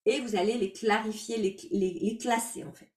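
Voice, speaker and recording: A woman working as a life coach, teaching an online workshop in an explanatory, gentle way with many filler words, heard over a video call. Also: medium pitch, steady tone, normal speed, recorded from a distance. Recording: roomy sound from away from the mic.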